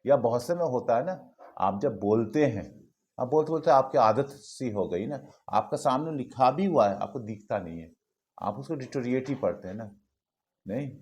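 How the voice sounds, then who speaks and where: A man's voice: medium pitch, lively intonation, moderate pace, a little mellow. A male physics teacher, lecturing a class in a chatty way, repeating words and asking students questions.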